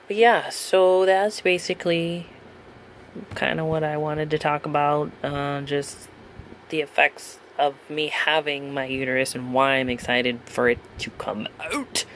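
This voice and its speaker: A man's voice: fairly high pitch, a bit bright, a little hiss or hum. A man chatting casually to camera in a vlog, rambling with lots of ums, joking frankly and laughing at himself, at home. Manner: candid and joking, swears casually. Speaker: vlogger. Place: at home with his cat.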